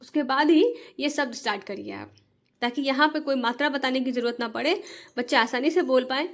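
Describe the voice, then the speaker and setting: A woman teacher explaining to parents how to teach children to read. She breaks words into syllables and repeats each word slowly and patiently. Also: sits high. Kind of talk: slow, patient Hindi reading lesson.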